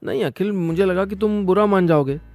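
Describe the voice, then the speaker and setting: A man voicing a touchy young girlfriend in an audio story, speaking quickly in a pouting, childlike way. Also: high-pitched, darkish tone, no room sound, soft background music, pitched above the performer's own voice. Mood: sulky.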